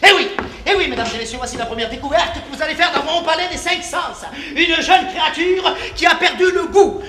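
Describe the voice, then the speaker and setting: A man's voice: very high-pitched, brisk, sharp tone, a little hiss or hum. A man playing a pompous showman doctor. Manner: theatrical, grandiloquent, stammering flourishes. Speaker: stage actor. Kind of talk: live stage play. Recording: echoey stage recording.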